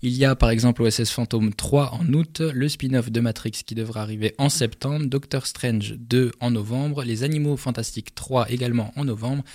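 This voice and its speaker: A man's voice: mid-range voice, fairly even intonation, normal speed, hardly any pauses, a little mellow, no room sound. A man runs through upcoming releases as a radio film columnist, chatty and eager, with the odd restart. His voice sits mid-range and the studio sound is dry and close, with no room around it. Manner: enthusiastic, chatty, with fillers and restarts. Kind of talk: presenting a film preview.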